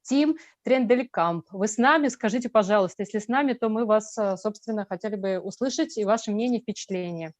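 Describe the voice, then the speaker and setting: Woman moderating a forum, mid-high everyday voice, really dry sound, live questions to a guest. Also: brisk, hardly any pauses, dry recording.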